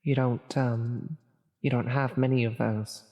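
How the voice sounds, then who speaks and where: A woman performs a grandiose demon for an ASMR roleplay, her very deep, warm voice drenched in cavernous reverb. She speaks with fairly even intonation, drawing out formal, stately words slowly and haltingly, sounding flustered and concerned as the menacing character loses her composure.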